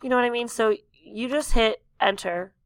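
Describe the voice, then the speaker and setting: Woman teacher, tutorial voice-over, gravelly and losing her voice, dry close sound. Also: on the high side, normal speed, dry recording. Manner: plain step-by-step instructions, coughs and throat clearing. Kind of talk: screen-recorded software tutorial.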